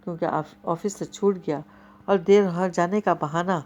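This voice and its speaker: A woman's voice: on the low side, steady tone, a little mellow, close to an everyday voice. A woman voicing a shy, hesitant young woman in a storybook reading.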